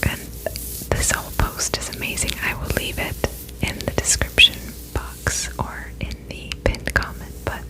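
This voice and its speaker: Female ASMR host for a whispered pep talk: gentle, reassuring, unhurried delivery, fully whispered. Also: poor audio. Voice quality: whispering, breathy unvoiced voice. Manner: gentle, reassuring, slow and reflective.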